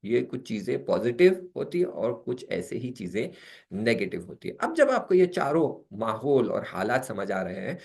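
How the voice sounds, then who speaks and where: A man's voice: mid-range voice, moderate pace, gravelly. A man giving a lecture on personality types, acting out everyday stories with quoted voices. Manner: animated, acts out quoted voices.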